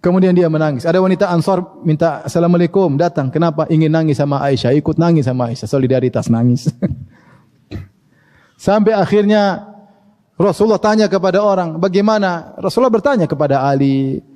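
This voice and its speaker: A man preaching a sermon as an animated storyteller, dropping his voice low for sad moments. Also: fairly quick, in a large hall. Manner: animated storytelling, chuckles, dramatic drops in voice. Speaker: Islamic preacher.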